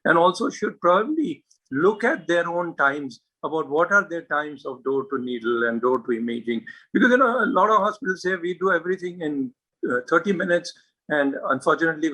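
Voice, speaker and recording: A man's voice: a little high, bright, forceful tone, low-quality recording. A man giving a medical lecture, earnest and emphatic, with frequent filler words and rhetorical questions. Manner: earnest, hesitant with frequent uh and you know fillers. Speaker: neurologist giving a talk.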